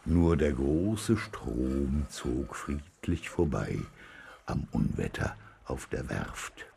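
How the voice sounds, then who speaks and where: Very deep, gravelly male storyteller. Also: drawn-out words, noisy background. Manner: expressive storytelling, dry. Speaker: audiobook reader. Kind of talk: children's story reading.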